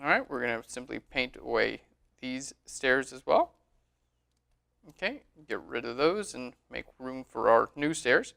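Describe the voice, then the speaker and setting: A man giving a relaxed, chatty screen-recorded tutorial on photo editing, often saying "all right". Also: medium pitch, unhurried, vocal fry.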